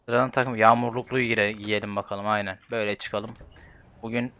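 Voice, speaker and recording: A man's voice: on the low side, little pitch movement, moderate pace, bright, forceful tone. A young man giving casual, joking let's-play commentary full of swearing. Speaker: gaming YouTuber.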